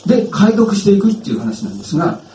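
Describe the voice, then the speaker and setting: A middle-aged male pastor preaches in a loose, conversational way, often turning questions to his listeners. His voice sits high and swings widely in pitch, with a mellow, dark tone. He is picked up from some distance in a noticeably echoey room. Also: quick pace. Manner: chatty, animated, asks the audience questions. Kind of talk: casual sermon with film anecdote.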